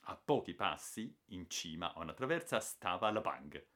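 In a dramatic audiobook reading of an adventure novel, a man narrates with a fairly low voice and lively intonation. His delivery is expressive and story-driven, at a moderate pace.

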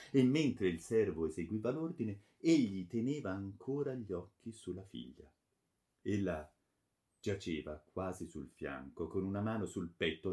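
A man narrating a classic novel in a theatrical, expressive reading. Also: lowish voice.

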